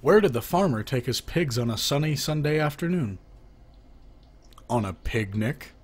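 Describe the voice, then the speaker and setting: Reading aloud from a children's joke book, a man names who is speaking before each line and raises his voice for the asking half of the knock-knock jokes. His medium-pitched voice is expressive with a breathy edge, at a normal speed.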